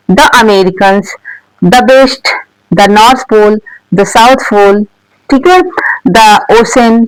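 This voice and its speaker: A woman explains grammar rules in a steady, patient lesson, posing a question and answering it, going over each point more than once. She says the example words slowly and clearly. Her voice sits at a middle pitch and sounds close and dry, with almost no room around it. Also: dry recording, rough recording. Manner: asks questions then answers them, repeats points, frequent "okay" check-ins. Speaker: English grammar teacher.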